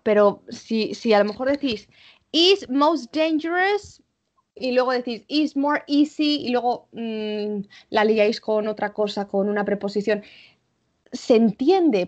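A woman with a Spanish accent teaching an English exam-prep class online, checking in often with her students and slowing down to model English examples. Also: mid-range voice, muffled recording. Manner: switches between Spanish and English, frequent "vale?" check-ins.

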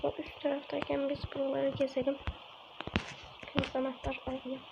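A woman's voice: sits high, monotone, moderate pace. A woman giving casual let's-play commentary to her viewers, often dropping to a whisper while she sneaks around. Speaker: gaming channel host. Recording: lo-fi with clear background noise.

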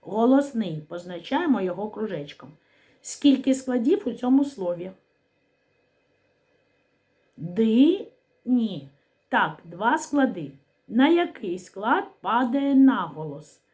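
A woman teaching a literacy lesson to young children, speaking slowly and articulating each sound clearly, asking questions and pausing for answers. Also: a little high, very animated, a little mellow. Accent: Ukrainian. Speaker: primary school teacher.

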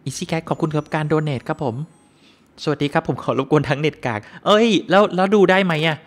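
Here a man fast-talks his way through a live game stream, his voice on the high side, joking around with chat, exclaiming and laughing a lot, and thanking donors.

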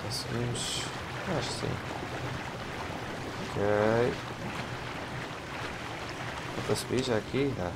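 A man's voice: medium pitch, fairly even intonation, slow pace, pauses often. A man with a European Portuguese accent, commentating a horror game as he plays, muttering to himself and yelping at jump scares. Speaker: gamer playing a horror game. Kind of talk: let's play commentary. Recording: clear game noise behind voice.

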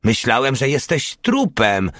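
A man voicing a sly, greedy male soldier, pitching his voice up into a cheeky, callous tone. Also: wildly swooping pitch, unhurried, fairly bright tone, no echo, clean studio sound.

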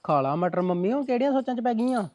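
A man's voice: extremely high pitch, expressive, fast, darkish tone, dry recording. An actor playing a young son who reassures his worried mother. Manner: soothing, reassuring.

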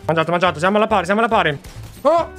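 High-voiced excitable Italian young man. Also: racing, soft background music. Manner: animated, chatty, addresses viewers as "ragazzi". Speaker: gaming YouTuber. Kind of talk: excited gameplay commentary. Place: home gaming room.

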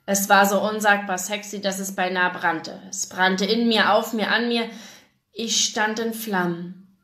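Woman, German accent, mid-pitched, reads romance aloud with feeling; roomy echo. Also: measured pace. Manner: expressive first-person reading with acted dialogue. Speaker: reader of a novel. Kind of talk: live reading of a romance novel. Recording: echoey room.

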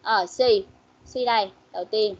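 A woman teaching an English class online, patiently coaxing pupils and repeating words slowly. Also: mid-range voice, steady tone. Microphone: video call. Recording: muffled online-call audio.

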